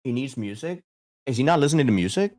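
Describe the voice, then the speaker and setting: Talking quickly and with plenty of energy, a man from Denmark streams to his audience, responding to their questions and teasing himself. His voice is mid-range with a darkish tone, and the chat stays casual.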